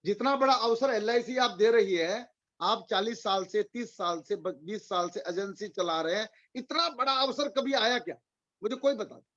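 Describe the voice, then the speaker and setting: Male motivational speaker, high voice, rhetorical and repetitive, webinar audio a bit muffled. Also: moderate pace, fairly bright tone. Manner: rhetorical questions, repeats phrases for emphasis. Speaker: motivational speaker for insurance agents.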